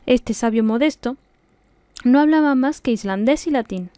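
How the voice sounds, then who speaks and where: A woman's voice: on the high side, moderate pace, mellow, dry recording. A woman with an Andalusian Spanish accent reads a classic novel aloud as scripted audiobook narration. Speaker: audiobook reader.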